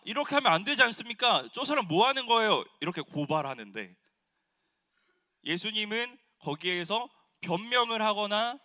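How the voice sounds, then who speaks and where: A man preaching to middle schoolers as a youth pastor, lively and acting out the quotes while asking the audience questions. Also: high-pitched. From South Korea. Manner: animated, acts out quotes, asks the audience.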